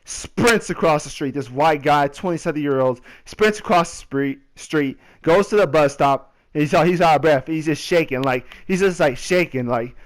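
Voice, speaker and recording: His voice a little high and at normal speed with few pauses, a young American man narrates a casual story over a game. He addresses viewers directly in a slangy, conversational manner.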